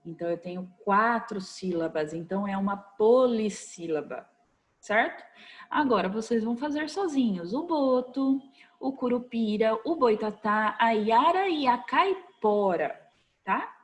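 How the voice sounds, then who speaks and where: A woman with a Brazilian accent gives a recorded lesson to children, her voice slightly high. She is patient and coaxing, checking in often with little questions. She speaks into a computer mic at her desk. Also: lively intonation, a little slow. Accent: Brazilian Portuguese. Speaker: primary school teacher. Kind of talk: recorded online class for children.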